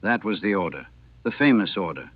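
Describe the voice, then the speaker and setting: A man's voice: low voice, lively intonation, brisk, no room sound. A man in his sixties, a navy veteran, recalling a battle in a plain, matter-of-fact way on an old 1940 recording. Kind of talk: first-person war reminiscence. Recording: thin, dry, phone-like old recording.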